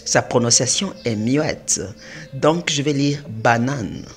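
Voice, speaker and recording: Slow, deliberate man teaching a lesson. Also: medium pitch, soft background music. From Congo (DRC). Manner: spells out syllables, slow and emphatic.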